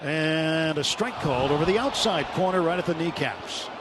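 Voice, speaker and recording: Calling baseball live on the radio from a stadium booth, an American-accented man speaks at a normal pace with a fairly high voice and lively intonation. The sound is that of a noisy live ballpark broadcast.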